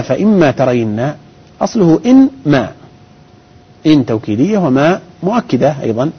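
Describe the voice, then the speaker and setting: A man teaching grammar on a call-in program, explaining patiently and methodically with pauses and restarts. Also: on the high side, husky. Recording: dull broadcast audio.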